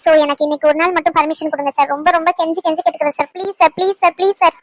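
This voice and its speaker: A woman voicing a young woman in an animated drama who pleads quickly with her boss. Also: extremely high pitch, no echo. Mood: pleading. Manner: rapid and pleading.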